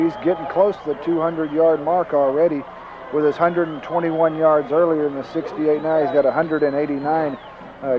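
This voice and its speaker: A man's voice: fairly high pitch, background noise. A man with a Texan accent giving chatty, analytical football color commentary. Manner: chatty, analytical, breaks down the blocks. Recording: dull lo-fi 1990s broadcast tape.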